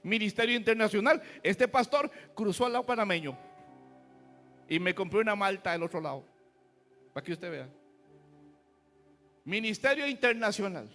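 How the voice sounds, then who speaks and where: A man's voice: high voice, expressive, normal speed, long pauses, a bit bright, long reverb tail, soft background music. A man preaching a fiery, folksy sermon as a pastor, full of rhetorical questions. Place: church.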